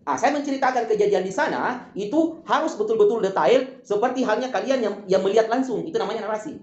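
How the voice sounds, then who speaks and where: A tutor talks quickly through a school lesson, building each point with everyday examples and looping back to the same wrap-up phrases. The sound is roomy and a little muffled, like a lo-fi recording in an echoing room. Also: medium pitch, darkish tone. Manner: explains step by step with many examples; often repeats closing phrases.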